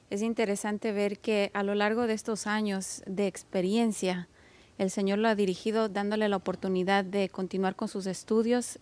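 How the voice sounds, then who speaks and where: A woman's voice: mid-range voice, darkish tone. Formal woman TV host. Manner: formal, polite, with fillers. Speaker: TV program host. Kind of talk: interview hosting.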